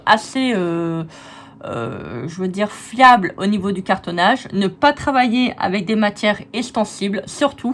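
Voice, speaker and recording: A woman talks through a casual crafts haul at home, gushing and full of fillers and restarts. Her voice sits at an ordinary middle pitch. A faint background noise runs under the recording. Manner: chatty, enthusiastic, many fillers and restarts. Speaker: crafts vlogger. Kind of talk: casual haul video chat.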